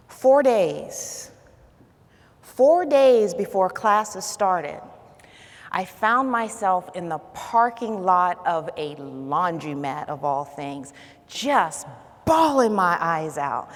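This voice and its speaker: A woman giving a conference keynote, telling a personal story with dramatic swings from hushed to emphatic. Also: medium pitch. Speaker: keynote speaker. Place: large conference hall. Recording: hall reverb.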